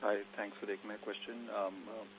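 A man's voice: on the low side, level tone, brisk. A man, an analyst on a conference call, hesitant with many fillers, his phone held away from his mouth so he sounds distant. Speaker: analyst asking questions on an earnings call. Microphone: phone held too far away. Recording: tinny phone line with faint noise.

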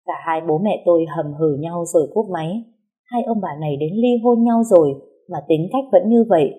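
A woman reads a novel aloud in a calm, even first-person narration. Her voice is low-pitched and dark, with a husky, slightly breathy grain. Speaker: audiobook reader.

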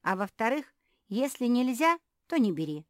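A woman's voice: fairly high pitch, sing-song, normal speed, no room sound, clean studio sound, pitched above the performer's own voice. Woman doing the cheerful little gnome. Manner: cheerful, eager to help. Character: tiny kind male gnome helper.

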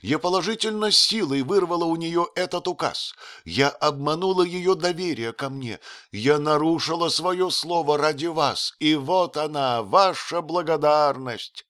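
A man's voice: on the high side, very animated, unhurried, fairly bright tone, dry recording, studio quality, voice pushed up. A man voicing a flirtatious, proud countess who turns dramatic and indignant. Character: flirtatious proud countess, middle-aged woman.

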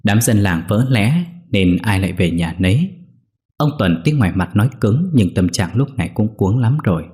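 A man reading a horror story in a steady, grave storytelling manner. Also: on the low side, normal speed. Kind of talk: scripted horror story narration.

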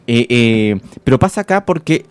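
A Chilean man co-hosting a radio discussion, explaining history in a measured, informed way. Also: mid-range voice, lively intonation, clear, resonant tone, dry recording. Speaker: radio show co-host.

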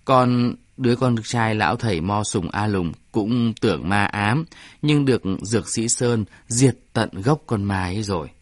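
Guy doing a stern old village elder, slow and scolding, dry recording. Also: on the low side, no echo. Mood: apologetic, earnest.

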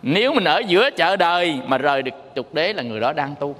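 A man's voice: a little high, lively intonation, fast, a bit bright. A Buddhist monk teacher giving a dharma talk, telling stories and playfully singing the tone syllables to make his point. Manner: storytelling, sings tone syllables playfully. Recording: long hall reverb.

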